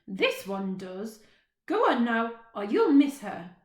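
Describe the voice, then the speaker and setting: A woman's voice: fairly high pitch, very animated, takes it slowly, darkish tone. A woman doing a firm loving mother owl. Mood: firm coaxing. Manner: firm, coaxing. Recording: roomy echo.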